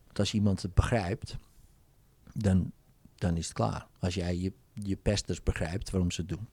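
Low, mellow man explaining. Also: normal speed, husky, dry recording. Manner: animated storytelling, acting out client dialogues. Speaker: hypnotherapist. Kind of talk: casual interview talk.

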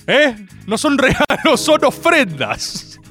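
A man's voice: extremely high pitch, takes it slowly, soft background music. A young adult man with a Rioplatense Spanish accent, hosting a comedic radio show in a joking, ranting monologue full of swearing. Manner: animated, joking, rants with swearing. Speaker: radio host.

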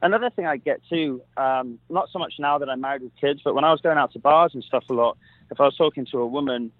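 A man's voice: medium pitch, fast talker, dry recording. A British man in his thirties from England, a guest telling stories in an easygoing way and laughing now and then. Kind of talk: casual interview. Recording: tinny phone line.

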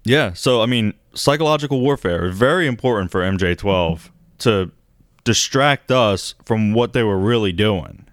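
A man with a low voice co-hosting a loose, profane podcast chat. He laughs easily and slips into mock voices when he quotes people. The sound is dry and close, with no room echo. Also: animated, moderate pace. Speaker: podcast co-host. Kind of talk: casual conspiracy podcast chat.

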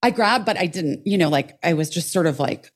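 A woman co-hosting a podcast, telling a story in casual chat, animated and swearing freely while acting out what others said. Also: on the low side, brisk. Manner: animated, swears a lot, acts out quotes. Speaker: podcast co-host.

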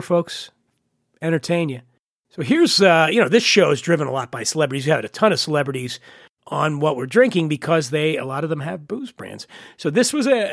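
A man hosting a podcast in casual, chatty monologue, with a nasal twang from a head cold and animated asides. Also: fairly high pitch, creaky, no echo, studio quality. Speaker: podcast host.

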